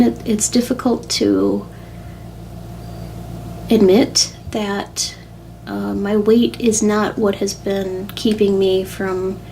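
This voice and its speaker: A woman speaking haltingly and candidly in a confessional personal vlog, sounding upset and tearful. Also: medium pitch, dark tone, a little hiss or hum, poor audio. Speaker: weight-loss vlogger.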